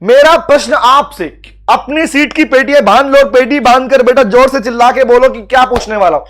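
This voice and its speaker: High pitched guy teaching law online, playful, keeps calling on kids by name. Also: normal speed. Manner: lively, teasing, calls on students by name; repeats phrases for emphasis. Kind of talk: live online class.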